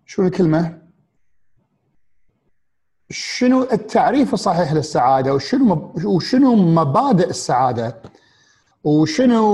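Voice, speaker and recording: Gulf arabic guy giving a thoughtful motivational talk, bit of a higher voice, lots of questions and um-ing. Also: warm tone. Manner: asks many rhetorical questions, halting with fillers and restarts. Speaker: speaker on happiness and mindfulness. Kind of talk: reflective motivational talk to an audience.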